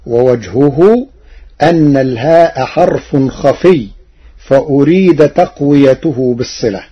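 A man explaining Quran recitation variants in a slow, measured, formal scholarly way on a radio broadcast. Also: medium pitch, dark tone, breathy edge, dull audio.

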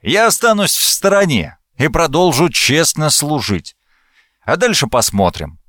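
A man reading a first-person fantasy audiobook as narrator, with expressive, lively intonation. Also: fairly high pitch, unhurried, no room sound.

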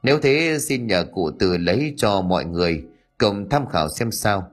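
A man's voice: fairly low pitch, lively intonation, moderate pace. A man voicing an aged, respected village elder in a storybook, talking in an anxious, earnest way. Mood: worried. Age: older.

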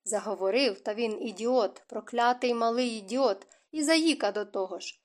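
A woman reading the lines of an angry, proud middle-aged duke who bellows and shouts in an audiobook. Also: on the high side, normal speed, close to an everyday voice. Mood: despairing.

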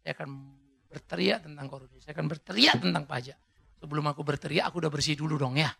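Male pastor, high gravelly voice, bright and sharp, lively sermon delivery. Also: fast talker. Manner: lively preaching with jokes and shouted climaxes.

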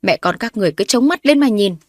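A woman's voice: mid-range voice, brisk, no room sound, studio quality, close to an everyday voice. A woman narrator voicing a wronged young wife who confronts her in-laws sharply and defiantly.

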